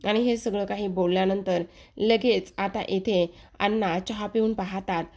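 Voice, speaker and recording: Woman, medium-pitched voice, chatty recap narration, steady storytelling, speaks to the audience. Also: moderate pace. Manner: retells scenes in a running present tense, addresses viewers directly. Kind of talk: casual spoken episode recap.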